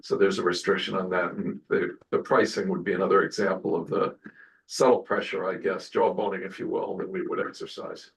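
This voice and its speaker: Halting low-voiced man at a meeting. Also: level tone, gravelly, far from the mic, rough recording. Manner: halting, many fillers and restarts. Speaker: park manager answering board questions. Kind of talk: public meeting testimony.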